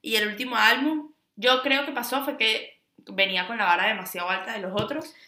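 A woman's voice: fairly high pitch, a little fast, pushed and bright, roomy sound. A young woman with a Venezuelan accent co-hosting a podcast in casual chat, teasing and laughing often. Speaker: podcast co-host.

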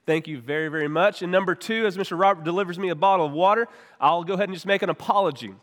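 A pastor delivers an earnest, conversational sermon, repeating and restarting his phrases. His voice sits high for a man and sounds weak and worn. The sound rings out with the long reverb of a church hall. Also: racing, fairly bright tone. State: weak, worn voice after weeks of voice loss. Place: church sanctuary.

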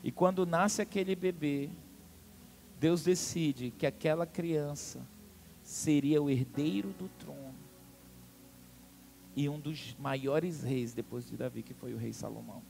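A man's voice: on the high side, unhurried, creaky, darkish tone, soft background music. A man preaching a sermon, telling the story dramatically and calling out to the congregation. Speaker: pastor.

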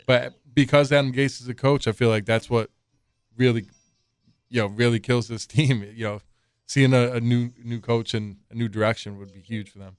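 A man's voice: mid-range voice, steady tone, moderate pace, clean tone, dry recording, studio quality. A man co-hosting a casual sports podcast, talking through picks with lots of "you know" and restarts. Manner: hesitant, lots of fillers and restarts. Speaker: podcast co-host.

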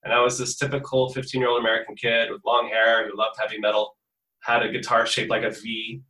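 A man with a medium-pitched, fairly flat voice speaks a little fast in a sharp tone, sitting far from the mic in a room with noticeable echo. Born in the US and raised in Portugal from age fifteen, he's a musician guest answering interview questions earnestly and thinking aloud as he goes.

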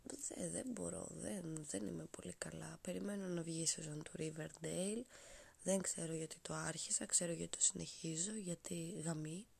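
A woman's voice: on the low side, steady tone, creaky, darkish tone, breathy edge. A young woman hosting a podcast in a casual, rambling, sarcastic monologue that often drops to a whisper, her voice congested after a cold. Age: young adult. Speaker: podcast host.

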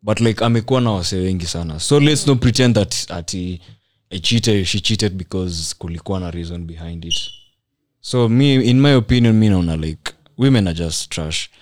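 Young man, Kenyan accent, fairly low pitch, casual slangy debate, provocative, insistent repetition, code-switching. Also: normal speed, darkish tone. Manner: provocative, repeats himself insistently.

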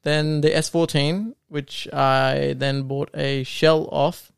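A young Australian man chatting casually on a podcast as host, rambling with many pauses and fillers. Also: fairly high pitch, flat delivery, gravelly, clean tone, dry recording, clean studio sound. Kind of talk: casual chat.

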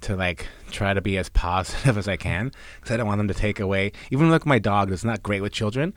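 Man, forties, slightly low voice, dry close sound, rambling podcast talk, swears a lot. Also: a little fast, no room sound. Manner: swearing, rambling, many fillers and restarts. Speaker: podcast co-host. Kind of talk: casual chat.

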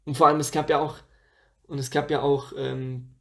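A young man playing a guessing game, excitable and slangy, exclaiming a lot. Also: mid-range voice, moderate pace, vocal fry. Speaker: guessing player. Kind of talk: casual chat.

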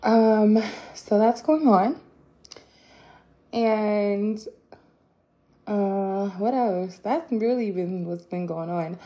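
A woman hosting her own podcast, talking casually and reflectively with many fillers and pauses, candid and personal. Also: mid-range voice, lo-fi sound. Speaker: podcast host. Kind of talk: casual solo podcast talk.

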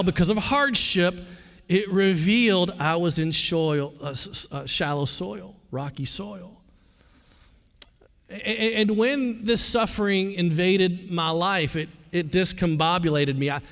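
A man's voice: high voice, a bit bright. A male pastor preaching a sermon in an earnest, conversational way, often stumbling and restarting his words. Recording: long hall reverb.

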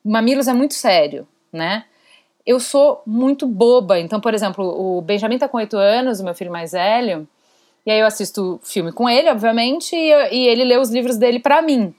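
A woman's voice: fairly high pitch, expressive, normal speed, darkish tone. A woman in her thirties with a Brazilian Portuguese accent, giving a candid interview as a guest and talking bluntly and ironically with a fair bit of swearing. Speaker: podcast host as interview guest.

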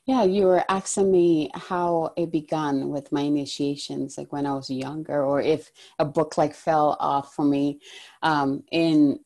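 Woman from ghana, low voice, mellow, thoughtful chat with lots of ums. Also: little pitch movement, a little slow. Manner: reflective, many fillers. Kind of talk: casual spiritual conversation.

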